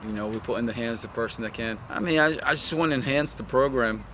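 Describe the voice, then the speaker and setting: A soccer coach from Brazil talks loosely in an interview, circling back and restarting his sentences. His voice sits at an ordinary pitch for a man. Loud traffic noise runs under the outdoor recording. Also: fast talker. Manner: rambling, many restarts and "you know" fillers. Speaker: head women's soccer coach. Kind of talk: casual interview.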